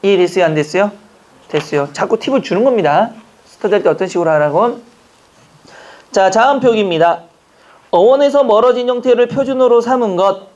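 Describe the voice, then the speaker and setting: A man from Jeju Island teaching an exam-prep language class, chatting, joking and quizzing his students with quick questions. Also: sits high, a little mellow. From Jeju Island, Korea. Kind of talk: classroom lecture. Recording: dull lo-fi lecture recording.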